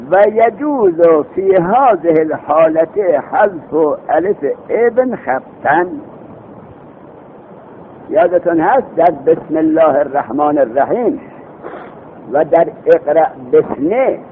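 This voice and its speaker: Male grammar teacher, lively pitch, slow recited examples; tinny phone-like recording with faint vehicle rumble behind. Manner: quizzes students and recites examples slowly. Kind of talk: classroom grammar lesson.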